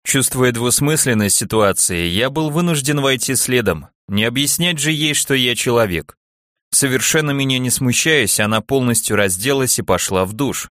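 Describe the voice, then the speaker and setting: A man narrating an audiobook in the first person, in an even, measured storytelling manner. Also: mid-range voice, no echo. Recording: dry, close recording.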